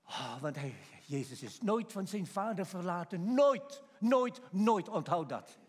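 Man preaching, folksy and emphatic, high voice, long hall echo. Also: lively intonation, moderate pace, husky. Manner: emphatic, folksy, acts out shouted quotes. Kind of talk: sermon.

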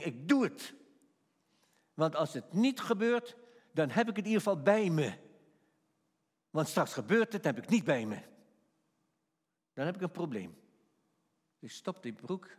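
Animated male preacher in a reverberant hall. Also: fairly high pitch. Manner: animated, rising to emphatic peaks. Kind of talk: sermon with personal story.

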